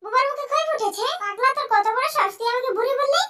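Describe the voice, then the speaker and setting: A woman voicing a loud, bossy old grandmother in an amateur comic dub, yelling and scolding in a very high, shrill voice. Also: quick pace, very noisy. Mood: indignant.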